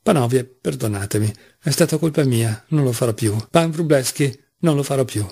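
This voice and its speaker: A man voicing an impulsive young man who shouts toasts at a boisterous party. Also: mid-range voice, moderate pace, gravelly, breathy edge. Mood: excited.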